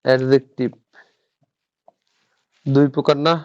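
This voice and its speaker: A man's voice: mid-range voice, level tone, unhurried, clear, resonant tone, no room sound. Bengali-speaking man teaching grammar, dull lo-fi sound. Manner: patient, repeats terms and asks the class questions. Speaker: Japanese language teacher. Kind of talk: live online grammar lesson.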